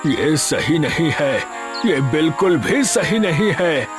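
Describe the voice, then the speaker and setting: A bossy village chief, accusing, lively pitch, cartoon story, music bed. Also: male voice, slow pace. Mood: angry. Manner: accusing, domineering outbursts. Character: stern, angry village headman. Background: background music.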